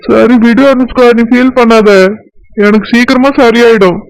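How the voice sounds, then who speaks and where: A woman voicing a soft-spoken cartoon husband who soothes his wife in Tirunelveli Tamil. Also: on the high side, fairly even intonation, normal speed, dry recording, pitched below the performer's own voice, lightly acted, poor audio. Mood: soothing. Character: calm husband, a grown son, soft-spoken.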